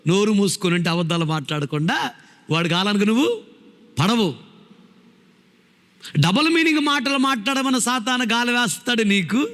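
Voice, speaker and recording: A man's voice: sits high, moderate pace, long pauses, a bit bright, big-room sound. A male pastor preaching a sermon, emphatic, firing rhetorical questions at his congregation.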